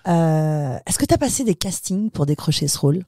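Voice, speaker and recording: A woman's voice: low voice, expressive, moderate pace, dark tone, no echo, studio quality. A woman hosting a casual interview, asking questions and giving short, encouraging responses. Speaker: podcast host.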